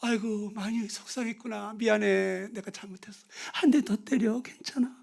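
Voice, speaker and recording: A preacher acting out a meek apologizing man, soft half-whisper, pleading, high voice. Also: steady tone, normal speed, gravelly.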